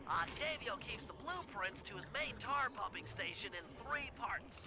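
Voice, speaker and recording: A man voicing a nerdy young male turtle strategist who briskly briefs the team on plans, in a game. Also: very high voice, expressive, pushed and bright, heavily acted. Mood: briefing. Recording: game audio with music behind.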